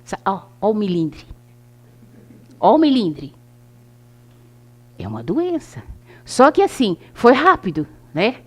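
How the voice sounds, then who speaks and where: A woman's voice: mid-range voice, huge pitch swings, slow pace, long pauses. An older Brazilian woman giving an informal talk to a group at a spiritist center, telling anecdotes and acting out the dialogue. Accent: Brazilian Portuguese. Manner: anecdotal, acts out quoted dialogue.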